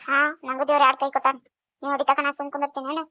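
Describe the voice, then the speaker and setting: A woman voicing a defiant, sharp-tongued middle-aged village wife in a cartoon, with a North Karnataka Kannada accent. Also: high-pitched, completely flat delivery, rapid-fire, no echo. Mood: scolding. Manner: defiant, scolding. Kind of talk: cartoon voice acting. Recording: dull lo-fi recording.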